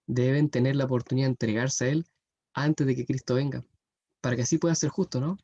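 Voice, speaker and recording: A man's voice: mid-range voice, steady tone, fast talker, mellow, slightly rough. A young man preaching an earnest youth sermon, often checking in with his listeners. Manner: earnest, often adds "¿cierto?". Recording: dull muffled sound.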